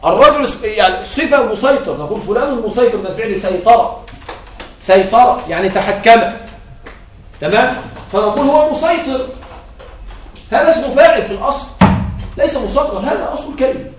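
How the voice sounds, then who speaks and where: Man lecturing a class, high voice, repeats points, checks in with quick questions, roomy sound from a distant mic. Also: a little hiss or hum. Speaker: Arabic grammar teacher. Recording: echoey room, mic far off.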